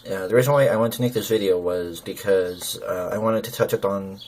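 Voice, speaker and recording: Man, low-pitched, numb-from-the-dentist articulation, blurred lip consonants, hesitant, halting, personal vlog talk. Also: a little mellow, a little hiss or hum. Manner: hesitant, halting, searching for words. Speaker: gaming video creator.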